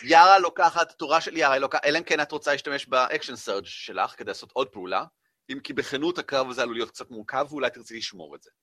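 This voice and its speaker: A man running a tabletop game as game master, narrating with many fillers and lively storytelling. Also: mid-range voice, no room sound, clean studio sound.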